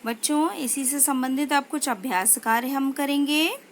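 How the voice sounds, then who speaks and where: A woman teaching a children's language lesson, saying each word slowly and twice. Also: sits high, a little hiss or hum. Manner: slow, drawn-out pronunciation of each word, repeating it twice. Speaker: school teacher.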